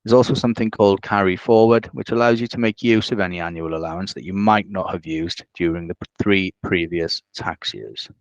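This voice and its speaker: A male financial adviser giving a measured, businesslike explanation on a video call. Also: low voice, no echo.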